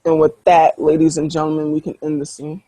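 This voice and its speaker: A man's voice: on the high side, completely flat delivery, brisk, mellow, breathy edge, no room sound, rough recording. A man narrating as game master in a tabletop role-play, rambling with lots of fillers. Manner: rambling, filler-heavy, casual.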